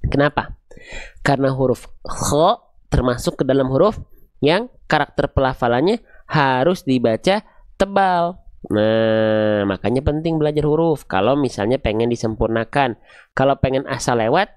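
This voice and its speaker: A man's voice: medium pitch, expressive, normal speed, clear, resonant tone, dry recording, studio quality. A man teaching Quran recitation in an online video lesson, patiently explaining step by step and asking questions aloud before answering them himself.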